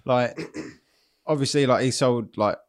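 A man asking casual interview questions in a halting, rambling way. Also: medium pitch. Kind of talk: casual chat.

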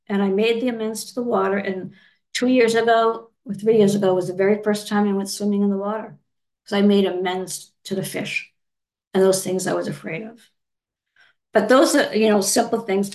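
A woman's voice: mid-range voice, darkish tone, low-quality recording. A middle-aged woman giving a candid, earnest personal share at a recovery meeting, telling stories with many fillers. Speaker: twelve-step meeting speaker. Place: online video meeting.

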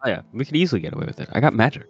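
A man playing in a tabletop game, excitable and joking, with frequent swearing. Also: mid-range voice, racing, vocal fry. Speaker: player. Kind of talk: casual tabletop game chat. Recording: dull lo-fi audio.

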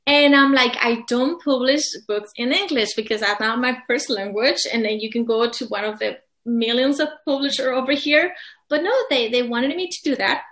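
Recorded in an echoey space, this woman has a high, slightly bright voice and talks at normal speed. Her first language is Spanish; as a guest who publishes and writes books, she answers interview questions casually, sincere yet halting, often restarting and using fillers.

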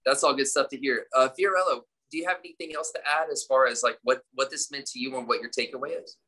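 A man's voice: medium pitch, quick pace, pushed and bright, slightly rough, low-quality recording. A man hosting a casual interview over a video call, asking informal questions with easy fillers. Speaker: interview host.

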